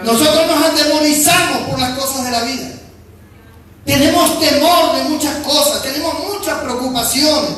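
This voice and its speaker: A Peruvian man preaching a sermon, emphatic and repetitive, swinging from shouts to soft speech. His voice is high and bright. He is heard from far off in a very echoey church hall with faint ambience. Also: moderate pace, slight background noise. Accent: Peruvian Spanish. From Peru. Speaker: pastor.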